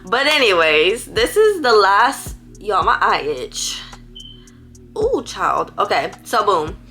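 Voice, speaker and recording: A woman's voice: medium pitch, sing-song, slow, bright, forceful tone, faint music behind. A teenage girl, giving school advice in a rambling, playful, chatty vlog. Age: teens. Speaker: vlogger.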